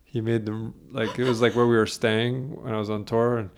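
A man's voice: mid-range voice, level tone, normal speed. A man co-hosting a podcast in casual chat, rambling from one tangent to the next. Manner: rambling, meandering storyteller. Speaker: podcast co-host.

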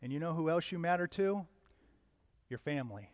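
A man's voice: fairly high pitch, animated, normal speed, dry recording. Earnest fifty-something man preaching a sermon. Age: 50s. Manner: earnest, conversational preaching with sudden loud emphatic swells. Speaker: pastor.

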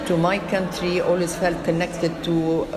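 A middle-aged woman from Lebanon, answering interview questions in a halting way with many fillers and restarts. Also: on the low side, little pitch movement, over loud music. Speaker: interview guest. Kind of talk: conversational interview.

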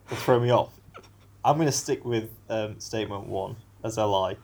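A man's voice: on the low side, moderate pace, darkish tone, a little hiss or hum. A man co-hosting a casual podcast, playful and giggly, often second-guessing himself. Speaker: podcast co-host. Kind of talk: casual chat.

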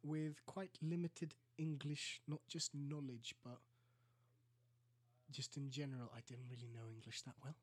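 A Greek-accented young man from Greece in his late teens co-hosts a podcast, chatting casually and telling rambling stories while laughing, his voice often dropping low and soft. His tone is husky and level, his pace measured, with no room sound.

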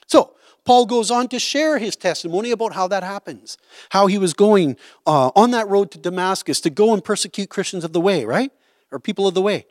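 A man's voice: high-pitched, no echo, studio quality. A man teaching a Bible study, explaining a passage in a conversational way and often checking in with "right?".

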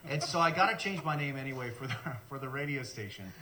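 A man's voice: mid-range voice, expressive, quick pace, pushed and bright, reverberant, a little hiss or hum, rough recording. An American man telling a self-mocking anecdote in a theatrical, casual way. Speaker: pastor, former radio DJ. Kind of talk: animated anecdote in casual chat.

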